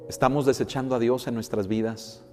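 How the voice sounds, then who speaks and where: A man's voice: medium pitch, steady tone, brisk, dark tone, big-room sound, soft background music. A man preaching a sermon as a pastor, asking rhetorical questions and calling his listeners brothers. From Mexico.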